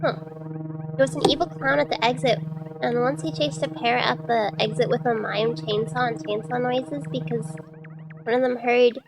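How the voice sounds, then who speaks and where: A woman's voice: fairly high pitch, vocal fry. A young adult woman streaming a game as a VTuber, chatting casually, swearing freely and breaking into giggles. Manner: giggly, breaks into fits of laughter. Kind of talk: casual live-stream gameplay chat.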